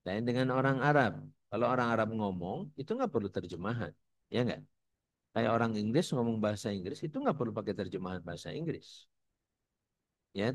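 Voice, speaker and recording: A man's voice: medium pitch, no room sound. A man teaching an Islamic study lecture as the guest teacher, explaining patiently and tossing in rhetorical questions. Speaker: religious teacher. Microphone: live broadcast mic.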